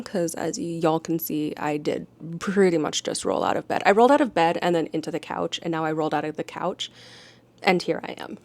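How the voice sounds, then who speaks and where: Lowish-voiced woman chatting casually. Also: vocal fry. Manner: rambling, self-deprecating, laughs often. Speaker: audiobook narrator and vlogger. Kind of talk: casual vlog chat. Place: home living room.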